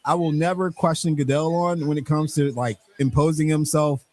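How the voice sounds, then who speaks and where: A man's voice: on the high side, fairly even intonation, normal speed, a little mellow. A man co-hosting a sports talk radio show, talking in a laid-back, conversational and amused way.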